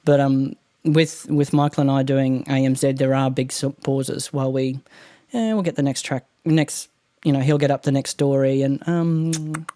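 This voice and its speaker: An Australian man with a nasal, mid-range voice speaks at normal speed with a steady, dark tone, recorded dry and studio-clean on a condenser mic in a home room padded with mattresses. As a guest, he chats casually and technically about podcast gear, rambling and laughing often.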